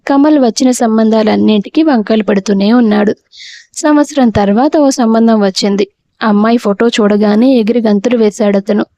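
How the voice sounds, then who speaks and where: A woman's voice: on the high side, mellow, no room sound. A woman reading a scripted family drama aloud as storyteller, voicing each character's lines herself. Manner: switches voices for each character. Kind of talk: scripted narration of a family drama with voiced dialogue.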